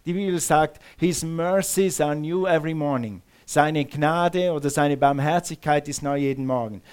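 A man's voice: fairly high pitch, moderate pace, a little mellow, clean tone. A male pastor preaching a sermon in a church hall, calling on the congregation to repeat words back to him. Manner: engages the congregation with call-and-response; uses some Swiss words.

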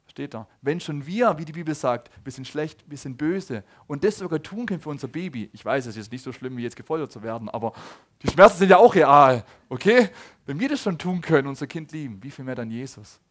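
A man in his thirties preaching a sermon, swinging between loud appeals and soft low asides, often asking the audience questions. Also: lively intonation, fast talker, hardly any pauses. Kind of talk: sermon to a congregation.

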